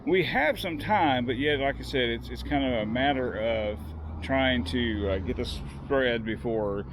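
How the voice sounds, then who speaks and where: A man's voice: mid-range voice, a little slow, background noise. Southern man vlogging outdoors. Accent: Southern American. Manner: chatty, explains as he works. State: out of breath. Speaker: vlogger spreading ice melt. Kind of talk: casual vlog narration. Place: outdoors in parking lots, cold.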